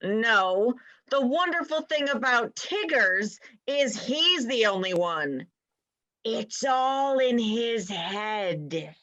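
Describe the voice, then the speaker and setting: A woman plays a bitter, fussy rabbit in an adult stage comedy. The delivery is very drawn out, bright and forceful, with an indignant, scolding edge. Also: on the high side, expressive, slow pace, dull audio. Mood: scornful. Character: uptight, bitter, exasperated rabbit.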